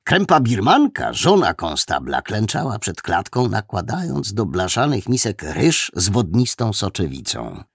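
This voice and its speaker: A man narrating an audiobook with an expressive reading that voices the characters. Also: lowish voice, unhurried, vocal fry, hardly any pauses, slightly rough, no room sound, clean studio sound.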